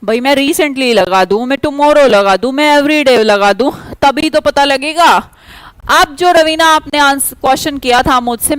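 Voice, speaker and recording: A woman teaching English grammar in an online class, briskly pushing students to answer quickly. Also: high-pitched, fairly bright tone, dry recording, rough recording.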